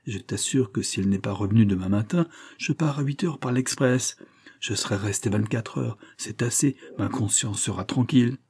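A man's voice: fairly low pitch, moderate pace, a little mellow, slightly rough. A man doing a pushy, jeering young friend. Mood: mocking. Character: brash mocking young man, impatient friend. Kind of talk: audiobook reading.

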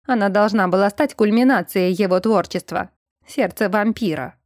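A woman's voice: medium pitch, moderate pace, dry recording, studio quality, lightly acted. Asidora, a woman doing a scornful old widow. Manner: curt, scornful retorts. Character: haughty rich old widow, cold and sharp-tongued.

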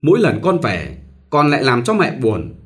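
A man's voice: mid-range voice, huge pitch swings, normal speed, a bit bright. A man voicing a tearful, aggrieved young married woman in a storybook reading. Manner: tearful and complaining.

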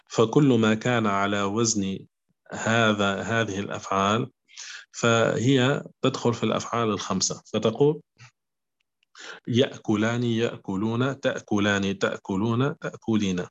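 A man teaching a grammar lesson, speaking slowly and repeating his examples, often checking with the class whether it is clear. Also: on the low side. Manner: slow, repetitive, asks "clear?" often. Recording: dull lo-fi recording.

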